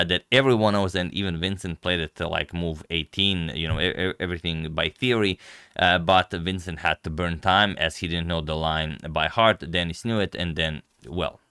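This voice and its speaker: A man with a low, bright voice talks through a chess game move by move. His delivery is measured and explanatory, casual in style, with a very clean, dry close sound. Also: smooth, no room sound. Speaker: chess commentator and channel host.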